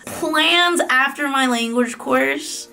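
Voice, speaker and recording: A US woman in her late twenties gives a casual, candid vlog update from a private office room at night, chatty and full of fillers and self-corrections. Her voice sits high and comes out slow, creaky, pushed and bright, with soft music in the background.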